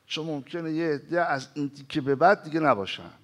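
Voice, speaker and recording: A man preaching a sermon who recites scripture slowly and asks the listeners rhetorical questions, swinging between loud emphasis and hushed pauses. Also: fairly high pitch, animated. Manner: recites Arabic scripture in a slow chanting cadence, then explains it.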